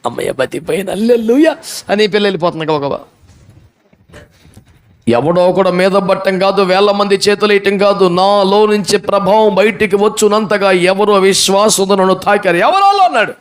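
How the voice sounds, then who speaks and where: A male pastor preaching a sermon with animated storytelling. He fires off mocking rhetorical questions and acts out the people in the story. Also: high-pitched, moderate pace, clean tone. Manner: animated storytelling, acting out characters.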